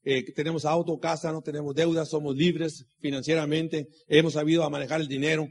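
A man's voice: on the high side, little pitch movement, fairly quick, slightly rough. A middle-aged man giving a motivational talk to an audience, preachy and full of rhetorical questions, repeating his key lines and mixing in personal stories. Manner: tells personal anecdotes. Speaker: motivational speaker at a business meeting.

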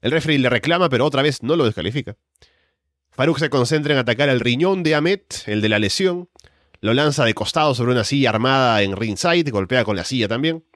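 A man's voice: medium pitch, lively intonation, fairly quick, a bit bright, no room sound. Man recapping wrestling like a commentator, dry sound. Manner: recounts moves step by step in present tense. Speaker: podcast co-host recapping wrestling matches.

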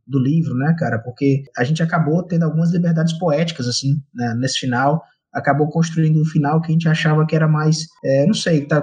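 A young Brazilian comics artist, co-author of an adaptation, rambles casually in a conversational interview, using lots of fillers and tag questions. He has a Brazilian Portuguese accent and a fairly high, slightly mellow male voice.

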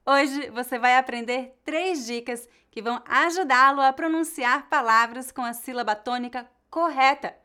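A woman with a Brazilian Portuguese accent teaching a scripted pronunciation lesson, enunciating example words slowly and carefully. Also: high-pitched, bright, forceful tone, clean tone.

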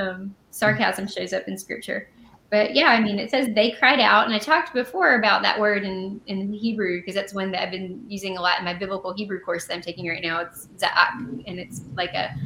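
A woman's voice: medium pitch, gravelly, pushed and bright, reverberant, slight background noise. A woman co-hosting a casual podcast, reading Bible passages aloud and then explaining them in a chatty way with fillers and self-corrections. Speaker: podcast co-host.

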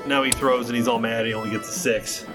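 A man's voice: medium pitch, steady tone, quick pace. A man running a tabletop game as game master, narrating casually. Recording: music behind the voice.

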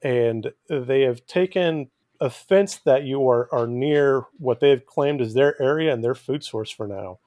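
A man's voice: medium pitch, a little slow, dark tone, dry recording, studio quality. A man running a tabletop game, narrating and refereeing in an explanatory way with hesitant phrasing. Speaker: game master.

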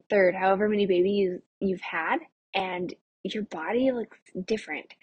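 A young adult woman with a husky voice, hosting a podcast in a casual, chatty way and talking to listeners like friends. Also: medium pitch, darkish tone, dry recording. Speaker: podcast host of a nutrition show for mothers. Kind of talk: casual solo podcast talk.

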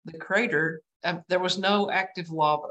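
A woman from West Texas with a West Texas twang, chatting as a guest on a video call in a halting, self-deprecating way. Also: on the low side, steady tone, fairly bright tone, low-quality recording. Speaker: guest artist, painter. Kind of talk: casual interview chat over video call.

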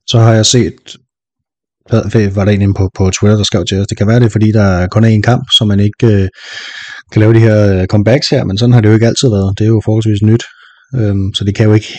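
A man speaking as a guest panelist on a casual football podcast, relaxed and wry, with many hesitations. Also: fairly low pitch, no room sound.

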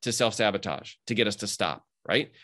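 Male coach, rapid motivational delivery, animated emphasis. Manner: energetic, motivational, rising pitch when emphatic. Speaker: mindset coach. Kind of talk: casual podcast conversation.

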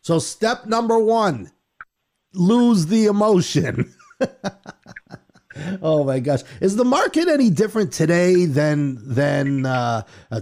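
A middle-aged man interviews a guest in a loose, friendly conversation. He laughs easily and jokes about his own mistakes. His voice sits a little high for a man. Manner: laughs often, animated and self-deprecating. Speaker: podcast host. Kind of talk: casual interview.

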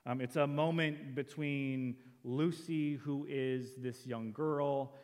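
A man's voice: mid-range voice, steady tone, slow, darkish tone, big-room sound. A man preaching a sermon as a pastor, earnest and conversational, quoting lines as he goes. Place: church sanctuary.

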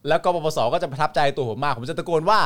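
A man's voice: fairly high pitch, fast talker. A young man hosting a casual live stream, reading viewer comments and joking with a co-host. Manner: joking, animated, laughs often, swears casually.

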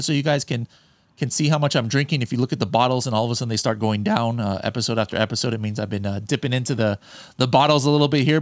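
A man's voice: mid-range voice, no room sound. American man hosting a dry-sounding podcast. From United States. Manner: relaxed, rambling with many restarts. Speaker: podcast host. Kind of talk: casual interview chat. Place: home studio.

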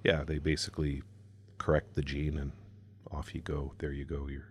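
A man co-hosting a casual podcast, explaining things with many pauses and restarts. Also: a bass voice, completely flat delivery, a little mellow, slight background noise. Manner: hesitant, many fillers and restarts when explaining. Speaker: podcast co-host. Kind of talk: casual chat.

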